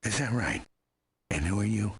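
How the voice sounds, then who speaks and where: An actor playing a weary, gruff police desk sergeant in a video game, husky and blunt. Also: male voice, lowish voice, expressive, moderate pace, full character voice. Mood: gruff, dismissive. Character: weary gruff middle-aged New Orleans desk sergeant.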